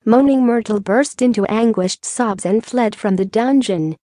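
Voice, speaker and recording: Mellow woman narrating an audiobook. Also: on the high side, measured pace, no room sound, studio quality. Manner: steady storytelling read.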